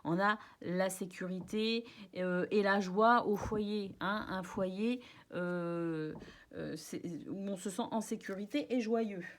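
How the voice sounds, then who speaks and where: A woman's voice: mid-range voice, slow. A French-speaking woman doing a casual tarot card reading for her viewers, chatty and reassuring, with many hesitations and restarts. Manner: soft, reassuring.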